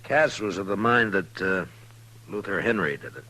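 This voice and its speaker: An actor playing a calm, authoritative frontier marshal in a 1950s radio western, with an American accent and a dry, measured delivery. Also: male voice, sits low, heavily acted. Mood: businesslike, sober. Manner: laconic, measured. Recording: slightly noisy old radio recording.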